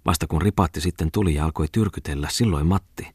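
Sly flirty farm wife as a male reader puts her on, raised husky voice, dry close sound. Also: very deep voice, darkish tone, no echo. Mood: teasing. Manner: teasing, giggly, coaxing. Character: sly flirtatious former farm mistress woman. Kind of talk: audiobook character reading.

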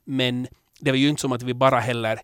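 A man in casual podcast conversation, talking candidly and rambling through his thoughts with frequent restarts. His voice sits at a middle pitch with a slightly gravelly edge, and it is recorded close and dry with no room sound. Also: dry recording. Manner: candid, rambling with restarts, turning animated in anecdotes. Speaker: podcast host.

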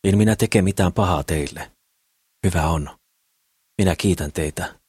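A man voicing a heartbroken lame idealist, speaking in a quiet, creaky voice in an audiobook reading. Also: low-pitched, no room sound, studio quality. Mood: numb.

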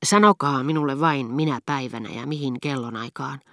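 A woman's voice: rumbling low, a bit bright, dry recording, clean studio sound. A woman as a poised, worldly duchess. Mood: brisk, coaxing. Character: elegant, worldly aristocratic duchess.

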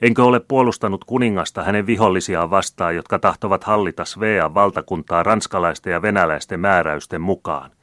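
A man reading the part of a cunning, fearless count who loudly rouses an angry crowd. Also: low-pitched, hardly any pauses, no room sound, clean studio sound, voice pushed up. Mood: rousing. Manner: loud, rousing oratory. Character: cunning, fearless male count rousing a mob.

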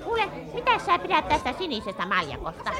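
A flustered old hag in a crowd. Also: female voice, sits high, huge pitch swings. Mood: harried. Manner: flustered, tries to keep order. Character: practical old fairy-tale hag, queueing in a crowded shop. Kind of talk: 1970s-style radio play acting. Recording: radio play, voice a bit distant, loud crowd.

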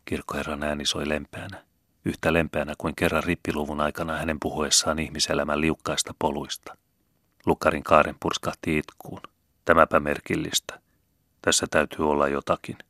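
A man reading a story aloud as an audiobook narrator, in a measured storytelling delivery. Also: rumbling low, a bit bright, no echo, clean studio sound. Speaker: audiobook reader. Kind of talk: scripted narration.

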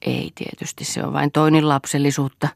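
A woman reading the lines of a patient, submissive wife who answers calmly and meekly. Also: low voice, creaky, no room sound, studio quality. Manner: calm, meek.

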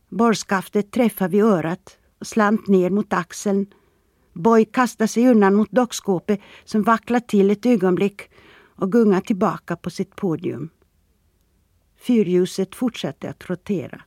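Steady audiobook narrator, dry and close. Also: medium pitch, no echo. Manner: steady, even storytelling. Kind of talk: scripted narration.

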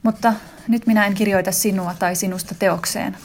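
A woman's voice: medium pitch, close to an everyday voice. A woman voicing a wistful wife reading a letter to her husband in a radio drama monologue, intimate and reflective. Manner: intimate, reflective, growing more heightened and excited.

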